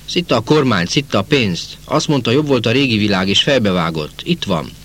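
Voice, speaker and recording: A man's voice: medium pitch, expressive, a bit bright. A man reading the lines of a scheming cattle dealer in an audiobook, snide and accusing.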